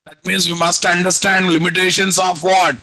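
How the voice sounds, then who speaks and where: A man's voice: sits high, level tone, moderate pace, bright, forceful tone. A man with a Telugu Indian accent teaching a live online programming lesson, dictating notes, repeating phrases and prompting students with questions. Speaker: programming instructor. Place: indoor room at a computer, video call.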